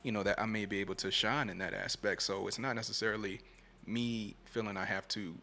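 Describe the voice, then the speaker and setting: Low, gravelly man. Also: fairly even intonation, a little fast, slight background noise. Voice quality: soft-spoken. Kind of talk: casual reflective conversation.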